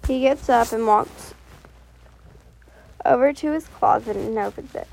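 A woman narrating a second-person audio story in a soft, unhurried read, now and then correcting herself. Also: on the high side, creaky, slight background noise.

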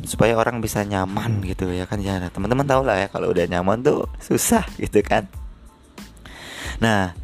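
Young man, casual vlog storytelling, slangy and chatty, low voice. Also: gravelly. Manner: chatty, slangy, frequent fillers. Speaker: vlogger.

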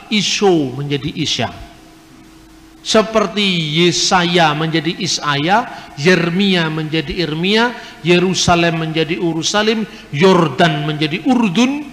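A man's voice: on the high side, a bit bright. A man lecturing at a question-and-answer session, explaining word sounds with rhetorical questions and spelled-out letters. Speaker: speaker at a Q&A. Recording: long hall reverb.

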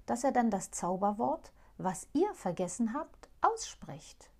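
A woman's voice: on the high side, very animated, a little slow, exaggerated voice. A woman voicing a sad, enchanted princess who lives as an owl, speaking plaintively and formally in a fairy tale reading. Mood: hopeful pleading. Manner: plaintive, gentle, old-fashioned formal speech. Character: sorrowful enchanted princess turned owl, female.

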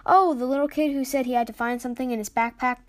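A woman's voice: high voice, fairly even intonation, fast, close to an everyday voice. A woman voicing a suspicious teenage boy who talks in an accusing, dismissive way.

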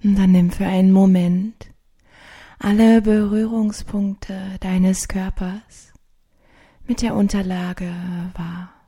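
A woman narrating a guided sleep meditation in a soft, hushed, soothing, partly whispered voice with long pauses, like a sleep story narrator. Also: mid-range voice, little pitch movement. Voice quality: soft, breathy.

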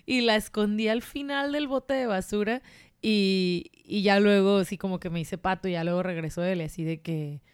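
A young Mexican woman telling lively stories in casual chat, acting out the people she quotes. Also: mid-range voice, moderate pace, clean tone, no room sound, clean studio sound. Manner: animated storyteller acting out quoted voices.

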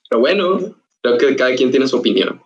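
A young man from Mexico talking in a relaxed, thoughtful way as a podcast guest. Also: mid-range voice, dull audio. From Ciudad Victoria, Mexico. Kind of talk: casual podcast chat.

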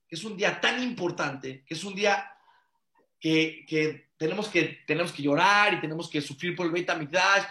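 With a sharp, somewhat high voice and a roomy sound, an adult rabbi who is also a father teaches a religious class conversationally. He speaks earnestly, leans on repeated phrases for emphasis, and asks lots of rhetorical questions.

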